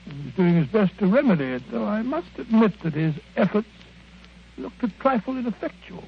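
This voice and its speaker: An actor playing a genial, bumbling British gentleman doctor in old radio drama style, eager, hesitant and blustering. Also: high voice, lively intonation, fairly quick. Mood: earnest. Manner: hesitant, blustering, chuckling storyteller. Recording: very muffled vintage radio recording.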